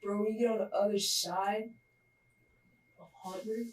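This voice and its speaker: A young woman co-hosts a podcast in loose, casual chat packed with "like" fillers. Her medium-pitched voice has fairly even intonation and a moderate pace, captured on a distant mic with roomy echo and slight background noise.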